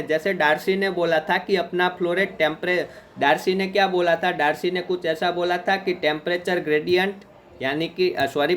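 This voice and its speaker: A man's voice: high voice, a little hiss or hum. A man giving an exam-prep lecture with an Indian accent, mixing Hindi and English and answering his own questions.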